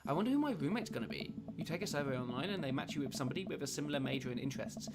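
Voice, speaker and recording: A man voicing an excitable teenage girl who is off to college, with a bubbly, gushing manner. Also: fairly high pitch, rapid-fire, heavy background noise. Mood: hopeful.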